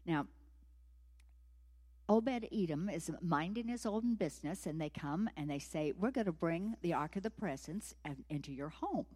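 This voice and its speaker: A woman preacher delivering a sermon, telling a biblical story in an animated way and acting out its scenes. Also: mid-range voice, in a large hall.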